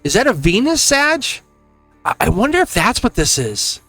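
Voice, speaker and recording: Animated Boston-accented man, higher-pitched voice. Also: normal speed, no echo, soft background music. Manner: exclamatory, slangy, addresses viewers directly. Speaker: tarot reader and channel host. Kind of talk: casual, rambling zodiac tarot reading to viewers.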